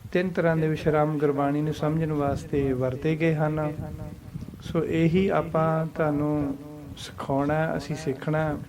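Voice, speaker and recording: A man with a Punjabi accent teaching the correct recitation and meaning of scripture, speaking slowly and deliberately and adding English glosses. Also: a little high. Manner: slow and deliberate, chants scripture lines, mixes in English glosses. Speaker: Gurbani teacher. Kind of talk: slow religious lesson on recitation.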